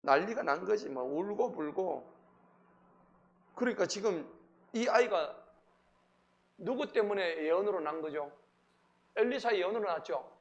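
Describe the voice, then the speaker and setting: A pastor preaching a Wednesday sermon in a church, animated, quizzing the congregation and acting out the Bible figures. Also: male voice, high-pitched, normal speed, pauses often, lo-fi sound. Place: church sanctuary.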